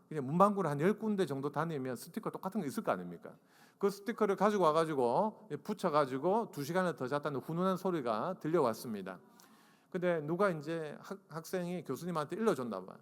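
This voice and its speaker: Animated male preacher in a reverberant church. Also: on the high side. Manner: animated, acts out dialogue and asks the congregation to raise hands. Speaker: guest preacher and seminary professor. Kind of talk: humorous storytelling sermon. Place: church sanctuary. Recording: long reverb of a church sanctuary.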